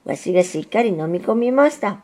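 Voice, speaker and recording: A huge old warehouse come to life in a storybook, gruff and jovial, booming out a teasing voice, as a woman reader puts it on. Keep the tone mellow and dark underneath. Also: expressive, a little fast, lightly acted.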